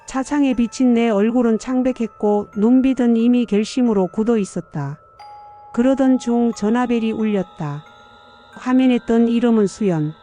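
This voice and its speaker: Older woman, mellow somber storyteller. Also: a little high, normal speed, soft background music. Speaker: narrator. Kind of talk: scripted first-person audiobook narration.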